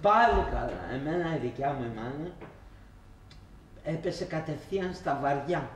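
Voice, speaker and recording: A man playing a crude, wisecracking fellow trading bawdy stories with deadpan punchlines in a comedy film. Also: on the high side, reverberant, recorded from a distance, crowd noise, natural voice.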